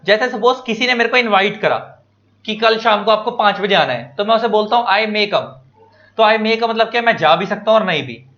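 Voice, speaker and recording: A man teaching law to exam students in a casual, animated lecture, repeating key points and mixing English terms into his talk. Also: sits high, brisk, muffled recording. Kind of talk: informal exam-prep lecture.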